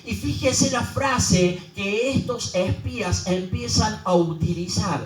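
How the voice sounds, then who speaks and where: High-voiced preacher in echoey hall. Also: male voice, slow, recorded from a distance, faint music behind. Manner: emphatic, repetitive preaching with sudden drops to quiet. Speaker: pastor. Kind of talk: sermon.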